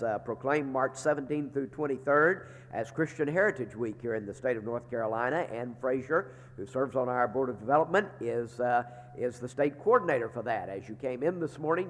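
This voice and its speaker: A middle-aged man of medium pitch delivers folksy, joking chapel announcements as a seminary leader, often filling gaps with "uh." His sinus infection gives him a congested, inside-a-barrel sound. The recording carries the long reverb of a large chapel hall.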